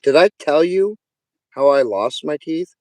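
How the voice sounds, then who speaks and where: A man hosting a stream, his fairly high voice bouncing through a wide range as he jokes and rambles. The sound is dry and close. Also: lively intonation, darkish tone, dry recording. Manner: joking, quick-witted, rambling. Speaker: stream host. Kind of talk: casual chat.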